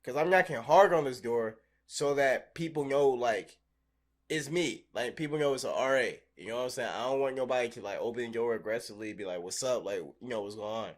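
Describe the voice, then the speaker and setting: A young man co-hosting a podcast, telling profane, animated stories and acting out scenes in casual chat. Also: medium pitch, a little fast. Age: young adult. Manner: profane, animated storyteller who acts out scenes. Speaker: podcast co-host.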